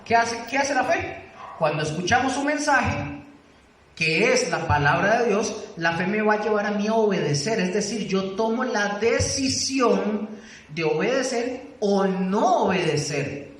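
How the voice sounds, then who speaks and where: Earnest and exhorting, a man teaches church doctrine and keeps questioning his listeners. His fairly bright voice sits high, and the echoey room, distant microphone and faint noise color the recording.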